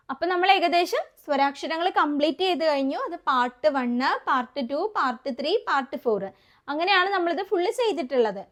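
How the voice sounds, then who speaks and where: A woman teaching young children their letters, coaxing them along with questions and slow, repeated letter sounds. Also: high voice, a bit bright. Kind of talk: kids' alphabet lesson.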